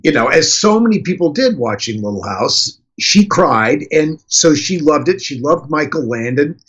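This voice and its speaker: Husky man in his sixties, dull line. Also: a little high, lively intonation, fairly bright tone. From Canada. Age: 60s. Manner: halting, with restarts and fillers while storytelling. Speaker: guest actor. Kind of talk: casual interview.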